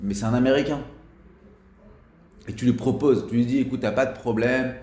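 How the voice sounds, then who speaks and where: A man giving a casual spoken lesson as a religious teacher, talking in a halting way with frequent restarts and fillers. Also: medium pitch, a little mellow, echoey room.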